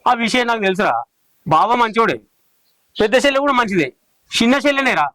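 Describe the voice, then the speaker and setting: Rapid-talking irritable man. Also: high voice, lively intonation, pushed and bright, no room sound, rough recording. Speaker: father in comedy sketch. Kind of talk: scripted village comedy acting.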